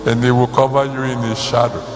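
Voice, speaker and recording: A man with a Nigerian accent preaching a sermon to a congregation, phrasing deliberately and repeating words for emphasis. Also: mid-range voice, flat delivery. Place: large hall, church service. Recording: echoey hall, loud background noise.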